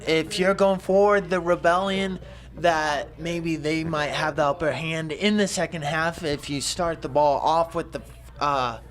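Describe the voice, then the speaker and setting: A man doing excitable, rambling color commentation on a football game. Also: a little high, measured pace. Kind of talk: live sports commentary.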